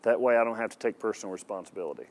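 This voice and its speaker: A man's voice: lowish voice, animated, rapid-fire. A man preaching a sermon to an audience in a hall, emphatic and direct, often asking the listeners questions and repeating his words. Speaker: pastor.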